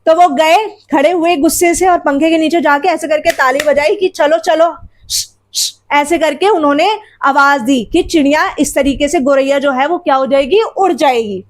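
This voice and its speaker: A woman's voice: high-pitched, normal speed, hardly any pauses. A woman teacher explaining a textbook story to students. She repeats word meanings and asks rhetorical questions as she goes.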